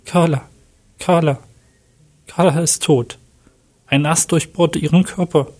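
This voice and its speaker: A man reading the lines of a troubled, emotional young man, in a strained, urgent manner with a husky voice. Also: medium pitch, expressive, normal speed, darkish tone. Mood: shocked.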